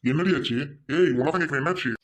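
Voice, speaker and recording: A stern older husband, played by a man. He rebukes his wife angrily and fast in a family drama. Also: a little high, a bit bright, natural voice. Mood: angry. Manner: angry, rebuking.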